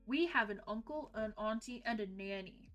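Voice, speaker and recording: A woman's voice: mid-range voice, moderate pace, a bit bright, faint music behind, close to an everyday voice. Woman reading as a touchy young boy doll. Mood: indignant. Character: boy doll, little brother, indignant.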